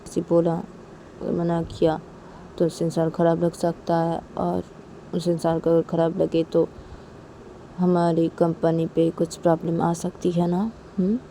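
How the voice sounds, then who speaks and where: Woman doing a low mellow older sis, soothing and coaxing, says stuff again and again. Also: completely flat delivery, unhurried, slight background noise. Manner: soothing, coaxing, repeats herself. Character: gentle elder sister consoling younger sister.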